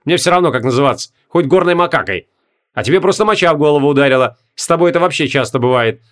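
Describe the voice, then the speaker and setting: Guy doing a big easygoing sorcerer dude, lazy grinning banter, lively voice. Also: fairly high pitch, fast talker, close to an everyday voice. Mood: teasing. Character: big jovial male sorcerer, mocking friend.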